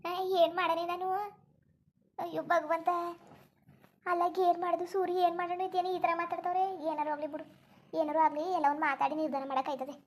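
A woman's voice: very high voice, level tone, brisk, long pauses. A woman voicing an anxious village mother who pleads and scolds in rustic colloquial speech for a cartoon. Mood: despairing. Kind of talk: cartoon voice acting.

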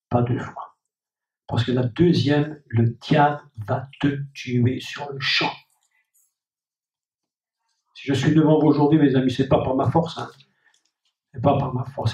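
A man's voice: mid-range voice, dark tone. Pastor guy preaching a sermon, keeps repeating himself, talks right to the crowd, sounds far off in an echoey church. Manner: repeats key phrases and speaks directly to the congregation. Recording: dull, echoey hall recording from a distant mic.

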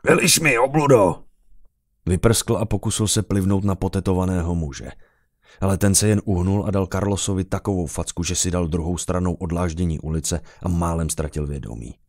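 Gravelly low-voiced male narrator for dark fantasy audiobook. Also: no room sound, clean studio sound. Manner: shifts into loud high shouting for characters.

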